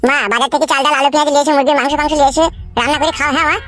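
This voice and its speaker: A woman's voice: high voice, fairly even intonation, very fast, a bit bright, dry recording, faint music behind. A woman voicing a pushy young suitor who coaxes an older woman in a comic cartoon. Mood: coaxing. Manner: coaxing, repeating "mother". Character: smooth-talking young suitor, wheedling and pushy.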